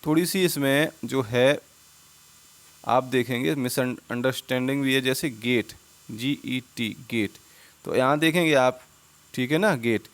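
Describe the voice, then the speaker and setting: A man's voice: mid-range voice, unhurried. A man teaching an English spelling lesson in Hindi over slides, who keeps asking questions and answering them himself and repeats each word.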